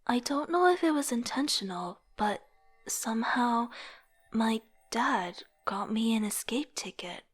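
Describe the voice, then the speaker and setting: A woman with a fairly high, slightly rough voice and lively intonation speaks a little slowly over faint background music. She plays a rebellious young artist recounting her own life in earnest, scripted first-person narration mixed with acted dialogue. The mood is reflective and wistful.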